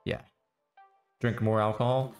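Hungover dude hosting a podcast, slurry, swears a lot, keeps restarting sentences, faint music under it. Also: male voice, lowish voice, flat delivery, measured pace. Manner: rambling, profane, restarts often. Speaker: podcast host. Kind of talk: casual chat.

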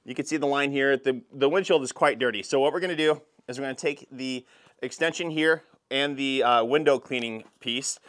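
A man in his thirties hosts a car detailing channel, chatting casually on a lapel mic as he walks viewers through a product test, with plenty of fillers. His voice is medium-pitched, fairly quick, and a bit bright. This casual product review vlog moves between a garage workshop, the outdoors beside a van, and a home hallway.

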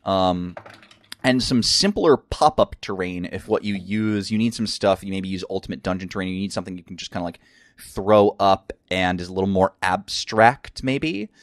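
Low-voiced man with a scratchy throat. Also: normal speed, dry recording. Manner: enthusiastic, rambling, lots of fillers. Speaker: crafting channel host. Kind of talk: casual tutorial.

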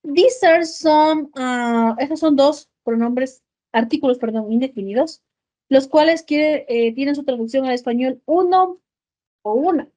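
Brief: Ecuadorian female teacher, high voice, patient explainer, tags "ok?". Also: unhurried, warm tone. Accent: Ecuadorian Spanish. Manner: explains in Spanish with English examples, checks with frequent "ok?". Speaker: English teacher. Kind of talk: online class lesson.

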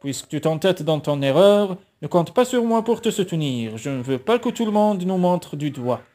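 Un homme qui lit un roman à voix haute et prête sa voix à une mère autoritaire et méprisante. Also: male voice, high-pitched, expressive, normal speed, mellow.

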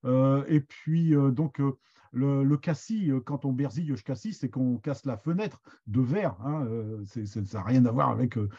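A man's voice: mid-range voice, normal speed, mellow, slightly rough, highs cut off. A middle-aged man teaching an online master class, hesitant and full of restarts. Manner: hesitant, many restarts and fillers. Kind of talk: online lesson, loose explanation.

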